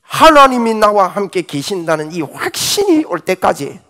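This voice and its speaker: A middle-aged male pastor preaching a Sunday morning sermon fervently, with sudden shouts. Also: high-pitched, big pitch swings, moderate pace.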